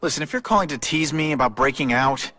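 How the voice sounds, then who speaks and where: An actor playing a wisecracking young superhero in a video game, with a casual, sarcastic manner. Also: male voice, mid-range voice, fast, bright, forceful tone, no room sound, close to an everyday voice. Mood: annoyed, flustered. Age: young adult. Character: wisecracking young male superhero, earnest and quippy.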